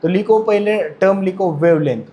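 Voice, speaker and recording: High-voiced man teaching a class. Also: normal speed, mellow. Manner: repeats questions and answers them himself, mixing Hindi and English; calls out to students, urging them to answer aloud. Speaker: chemistry teacher. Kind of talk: classroom lecture.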